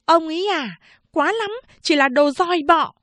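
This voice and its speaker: A woman's voice: extremely high pitch, lively intonation, normal speed, a bit bright, dry recording, voice pushed up. A woman voicing a scornful young woman who mocks with cutting insults, in an audiobook. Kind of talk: audiobook character voice.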